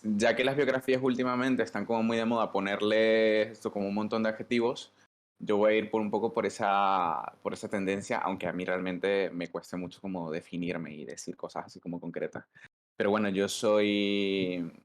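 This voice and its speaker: Lower-voiced doctor guest. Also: male voice, steady tone, moderate pace. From Venezuela. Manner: thoughtful, hedging, with fillers. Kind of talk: interview answers.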